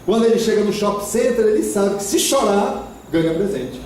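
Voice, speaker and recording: Brief: Brazilian male lecturer, high-pitched, animated storytelling, recorded from afar in a reverberant hall with faint noise. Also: brisk. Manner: expressive, acts out parents and children. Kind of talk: spiritist lecture. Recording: echoey hall from far off.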